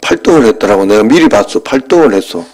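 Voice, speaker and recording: In this poorly recorded clip, a pastor in his fifties tells a personal story during a conversational sermon, jumping between loud bursts and quiet asides. His voice runs low, animated and quick.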